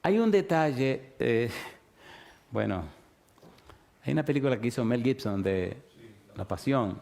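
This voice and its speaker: A man with a Dominican accent delivers a sermon in a voice of middling pitch. He drives his points home with repeated rhetorical questions, rising to loud emphasis and then dropping to a soft, hushed tone. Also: animated, unhurried, vocal fry. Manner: asks the audience rhetorical yes-or-no questions, swings from loud to hushed. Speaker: preacher.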